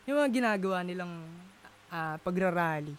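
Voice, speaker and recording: A man's voice: sits high, lively intonation, normal speed, a little hiss or hum. A man in a casual chat, searching for words and mixing English into his talk. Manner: searching for words, many fillers, Taglish code-switching. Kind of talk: casual conversation.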